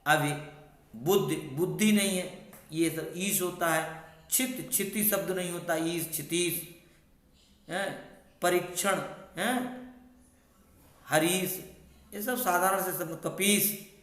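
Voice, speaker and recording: A man's voice: sits high, takes it slowly, long pauses, a bit bright, roomy sound. A man teaching a grammar lesson to students. He repeats key points and checks in with short questioning asides.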